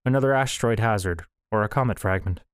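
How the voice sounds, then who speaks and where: A man's voice: on the low side, fast talker, smooth, no echo, natural voice. A man voicing a tired male starship captain who scoffs with dry humor. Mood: weary. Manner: weary, scoffing.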